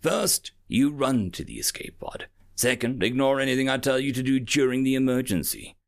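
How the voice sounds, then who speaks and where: A man's voice: medium pitch, normal speed, gravelly. A man voicing a cool, commanding female captain. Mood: instructing. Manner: cool, almost robotic calm. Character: calm, commanding small female starship captain.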